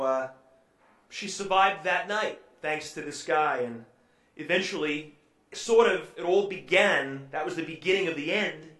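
A pastor recounts a story during his sermon, chatting through it with many ums and uhs. His voice is a bit high, bright and pushed. The room echoes, and he is picked up from a distance.

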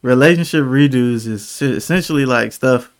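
A man's voice: mid-range voice, normal speed. Man slightly slurring through a teeth grill. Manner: profane, slangy, teasing. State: tired. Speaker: podcast co-host. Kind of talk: casual podcast banter.

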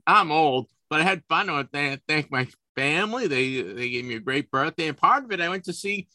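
A sports podcast host in his fifties chats casually and animatedly at a fairly quick clip, often stumbling, restarting and repeating words. His voice sits a little high, bright and forceful, captured in a close, dry recording.

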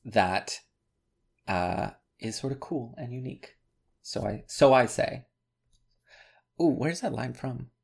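Creaky, husky man chatting casually. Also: mid-range voice, animated, slow pace, long pauses. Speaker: podcast co-host. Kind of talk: casual chat.

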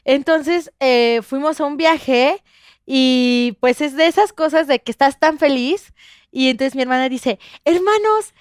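A woman telling a lively personal story in casual chat, laughing and acting out quoted lines. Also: sits high, a little slow, no room sound, studio quality. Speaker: guest.

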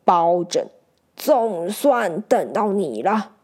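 A woman's voice: mid-range voice, big pitch swings, slow pace, darkish tone, slightly rough, exaggerated voice. A woman voicing a blind, wronged old woman who speaks bitterly and scolds.

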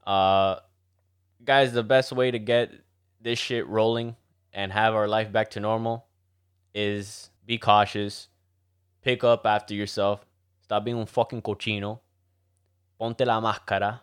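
A man's voice: on the low side, level tone, measured pace, pauses often, clear, resonant tone. A man with a Miami Cuban accent co-hosting a casual chat, joking and switching between English and Spanish. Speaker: podcast co-host.

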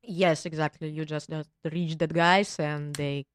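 A woman with a Russian accent and a lowish, clean voice chats as a guest on a casual interview. Her English is halting, with non-native phrasing, and the sound is dry. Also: fairly even intonation, clean tone, dry recording. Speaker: interview guest, adult performer.

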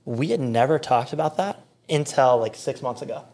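A man with an American accent, a podcast guest, telling a story in casual, animated chat with lots of fillers and quoted voices. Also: medium pitch, moderate pace.

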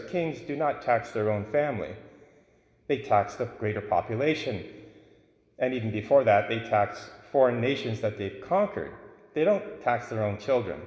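A man speaking as a priest, reading the gospel and preaching in a solemn, deliberate way in an echoing, cathedral-like church. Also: lowish voice, darkish tone. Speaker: priest giving a homily. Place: large reverberant church. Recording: echoey church with long cathedral-like reverb.

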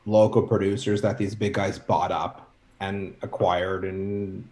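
A man's voice: low-pitched, level tone, unhurried, darkish tone. A man in his forties, a guest on a podcast, explaining things in an easygoing, rambling way. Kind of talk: casual chat. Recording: roomy echo.

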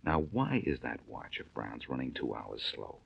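An actor playing a wry, confident male detective on an old radio show, with a gravelly, husky voice and dry, probing questions. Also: extremely low pitch, wildly swooping pitch, moderate pace, exaggerated voice. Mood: brooding. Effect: old radio show broadcast. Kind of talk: 1940s radio acting. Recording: dull lo-fi old radio recording.

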